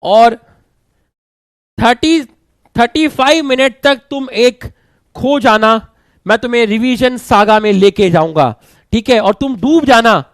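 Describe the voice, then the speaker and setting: A man with a sore throat giving a brisk online revision lecture, urging his students to hurry along. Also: extremely high pitch, dry recording. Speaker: online teacher.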